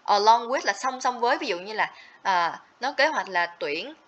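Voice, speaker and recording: A woman's voice: fairly high pitch, animated, moderate pace, fairly bright tone. A woman teaching a livestream grammar lesson, explaining step by step and checking in with students often. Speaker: TOEIC teacher. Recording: slightly dull lo-fi audio.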